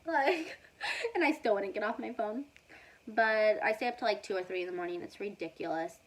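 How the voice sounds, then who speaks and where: A woman's voice: mid-range voice, brisk, fairly bright tone, poor audio. A young woman chatting casually through a mukbang Q&A video at home, emotional and full of "like" fillers. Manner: chatty, emotional, says "like" a lot. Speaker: YouTuber. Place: home, indoors.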